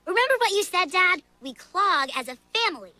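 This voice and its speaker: An actress voicing a plucky, quick-witted cartoon daughter who talks in a wry, persuasive, dramatic way. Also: female voice, extremely high pitch, sing-song, pushed and bright, no echo, heavily acted. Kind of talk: animated cartoon acting.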